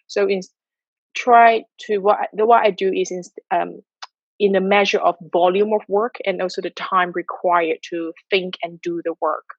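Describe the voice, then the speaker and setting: A woman's voice: fairly low pitch, no room sound, muffled recording. A woman from Malaysia speaking as a guest on a video call, giving earnest, motivational answers about mindset and habits. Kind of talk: online talk answering questions. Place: home in Tokyo.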